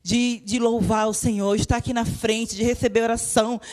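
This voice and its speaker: A young adult Brazilian woman preaching a lively, emotional sermon in a church. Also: a little high, a little fast. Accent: Brazilian Portuguese. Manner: lively and emotional, with laughter and mimicked voices.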